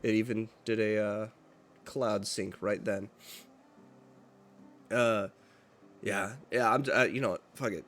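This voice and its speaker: A man's voice: fairly low pitch, fairly even intonation, slow pace, pauses often, a bit bright, soft background music. A man co-hosting a podcast, chatting casually and rambling with lots of fillers and restarts. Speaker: podcast co-host. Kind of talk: casual chat.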